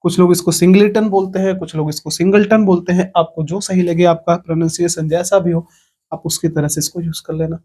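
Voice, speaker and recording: A man with a high voice is teaching an online maths lesson. He goes through each point step by step. He often asks the class whether they follow. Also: little pitch movement, a little fast, mellow, husky. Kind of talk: online lecture.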